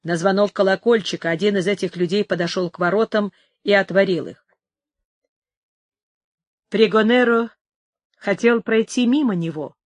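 A woman reads an adventure novel aloud in an even, measured way. Her voice sits at a mid pitch and is recorded close and dry. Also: no echo. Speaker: narrator. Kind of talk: audiobook narration.

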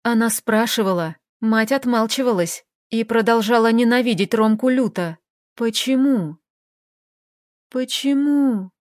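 A woman narrating an audiobook in a measured, expressive reading. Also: on the high side, no room sound, studio quality.

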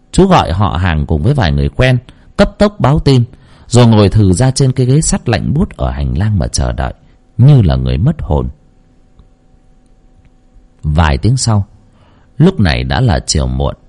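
A man's voice: lowish voice, sing-song, moderate pace, mellow. A man narrating a horror story dramatically.

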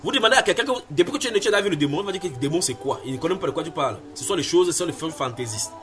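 A man's voice: a little high, expressive, rapid-fire, a bit bright, faint music behind. A man preaching a Bible sermon, emphatic, repeating phrases and putting questions to his listeners. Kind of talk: sermon teaching with Bible reading.

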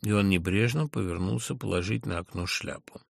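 A man giving an expressive reading of classic literature. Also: low-pitched, a little fast, vocal fry, dry recording, clean studio sound. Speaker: reader.

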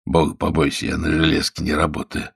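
A man doing a hungover thief in an audiobook, hoarse and half-whispered, low and quiet. He pleads weakly and drops underworld slang. The recording is dry and close. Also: monotone, brisk, no room sound, exaggerated voice. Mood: wary.

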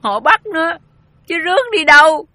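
Distraught old mother, lamenting, high bright tense voice, audiobook drama. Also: sing-song, normal speed, no echo, full character voice. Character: distraught older mother, tearful and indignant.

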